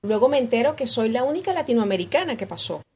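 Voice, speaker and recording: A Venezuelan woman with a Venezuelan accent, a guest musician recounting her story in an interview with lively acted-out dialogue and frequent restarts. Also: fairly high pitch, quick pace, slightly rough, muffled recording. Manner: expressive, acts out quoted dialogue with many restarts.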